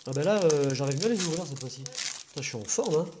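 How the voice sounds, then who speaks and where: Against a noisy background, a man with a fairly high voice and lively intonation opens trading card packs on video. He chats casually, reading off each card and commenting quickly.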